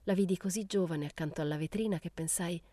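Low, dark-voiced woman reading a novel. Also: no room sound. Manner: measured, unhurried reading. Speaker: audiobook reader. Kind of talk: literary audiobook narration.

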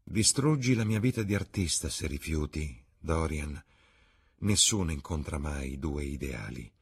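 A man doing a quiet, sorrowful painter. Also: lively intonation, measured pace, creaky, breathy edge, exaggerated voice. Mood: sad, earnest. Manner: subdued, low and quiet. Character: melancholy grown man, a devoted painter.

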